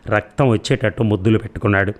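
Calm, low-voiced male story narrator. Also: very fast. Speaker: audiobook narrator.

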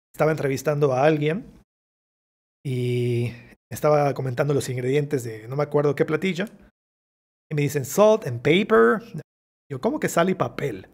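This English teacher speaks with a Mexican Spanish accent and a somewhat high, slightly mellow voice. During his vocabulary lesson he repeats every English word at a slow pace to demonstrate its pronunciation.

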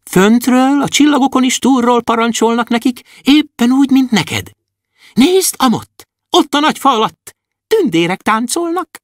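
A man voicing a tiny, cheerful male gnome in an audiobook, calling out in a thin, high, excited voice. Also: no echo, studio quality. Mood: excited, wondering. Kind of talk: audiobook character voice.

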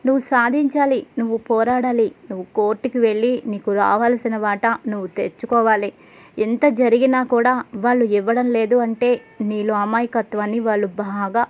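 A woman voicing a scheming female relative who talks quickly and pushes hard. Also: fairly high pitch, lo-fi sound, close to an everyday voice.

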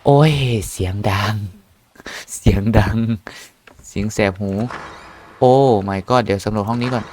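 A man's voice: lowish voice, fairly even intonation, a little slow, a little mellow, a little hiss or hum. A young man casually commenting while playing a horror game, jumpy and exclaiming often. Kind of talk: casual let's-play commentary.

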